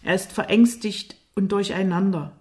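Woman reading as a calm blind young man. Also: mid-range voice, moderate pace, close to an everyday voice. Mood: restrained.

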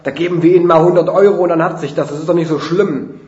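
A man's voice: on the high side, fairly even intonation, fast talker, a little mellow, lightly acted. Felix, a man doing a brash know-it-all. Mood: bossy. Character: bossy, excitable grown man (Felix). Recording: roomy, dull lo-fi sound.

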